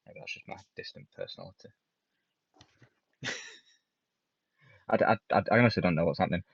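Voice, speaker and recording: A man's voice: deep voice, animated, fast, gravelly, husky, no room sound. A man co-hosting a podcast over a headset, his voice muffled and distant as if heard through a wall, often stammering and joking at his own expense. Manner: stammering, self-deprecating. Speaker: podcast co-host. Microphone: headset on a call. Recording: dull, muffled headset audio.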